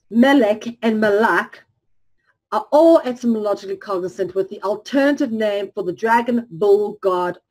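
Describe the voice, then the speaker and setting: In a lecture-style talk, a woman speaks in a measured way, often pausing with ums and starting sentences over while stretching out important words. Her voice sits in the middle range and sounds slightly mellow, though the audio quality is poor.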